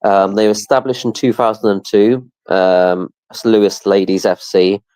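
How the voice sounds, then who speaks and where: An English man co-hosting a football fan show, giving a relaxed match report with fillers. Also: on the low side, normal speed, clear, resonant tone, no echo, poor audio. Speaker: co-host. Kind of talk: casual livestream chat.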